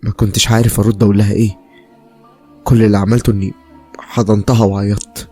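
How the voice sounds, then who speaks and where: Egyptian guy telling a dramatic crime story quick, faint music behind. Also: fairly low pitch, flat delivery, dark tone. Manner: dramatic, emotional first-person telling. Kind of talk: scripted story narration.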